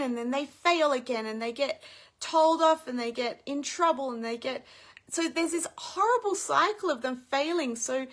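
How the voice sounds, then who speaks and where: A woman's voice: sits high, fairly bright tone. A woman parent coach teaching in a live video, upbeat and explaining step by step.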